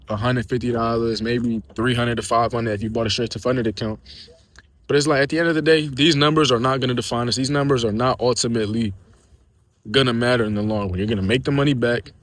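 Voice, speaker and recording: A man's voice: mid-range voice, fairly bright tone, a little hiss or hum. A young man talking casually to camera as a day trading video creator, laid-back and encouraging, repeating himself and using slang. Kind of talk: casual motivational talk to camera.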